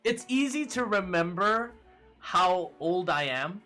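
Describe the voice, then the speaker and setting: A man in his twenties, early in that decade, hosts a livestream in a high voice at a slow pace over soft background music. He's relaxed and chatty, answering viewer comments casually, laughing often and using many fillers.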